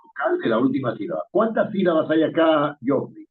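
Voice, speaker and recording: A man's voice: a little high, big pitch swings, fairly quick. A man teaching an online spelling class, patient and questioning, chuckling now and then. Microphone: video call. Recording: tinny phone-like call audio.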